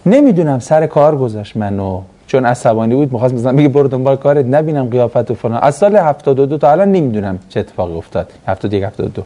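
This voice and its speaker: Animated middle-aged male teacher, mellow tone. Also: mid-range voice, few pauses. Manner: animated storytelling, acts out quoted voices, laughs. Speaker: teacher of Islamic studies class. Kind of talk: classroom lecture with anecdotes. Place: classroom.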